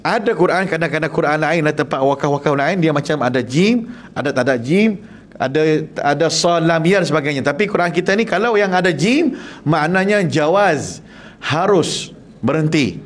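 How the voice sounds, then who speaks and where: Malaysian guy teaching a quran reading class, high voice, jokey, keeps quizzing the room. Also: moderate pace. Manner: lively, jokey, quizzes the class and demonstrates Arabic sounds. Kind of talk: Quran recitation class in a prayer hall. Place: prayer hall.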